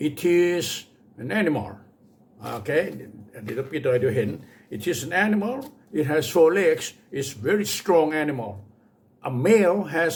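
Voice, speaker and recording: Thai male English teacher, accented, measured and very slow in English, spells things out, slightly high-pitched. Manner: slow, deliberate English with quick switches to Thai explanations; spells words letter by letter, hesitant fillers. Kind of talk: bilingual pronunciation lesson.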